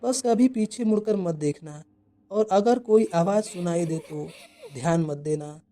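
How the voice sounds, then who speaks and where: A narrator voicing a brave truck driver, a man giving calm, measured advice. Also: mid-range voice, lightly acted. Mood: steady.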